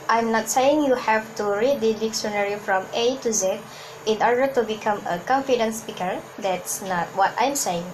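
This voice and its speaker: Speaking to camera with a medium-pitched voice, a Hong Kong woman whose first language is Cantonese gives an earnest instructional talk on public speaking, frequently restarting her words. The recording is rough, with slight background noise.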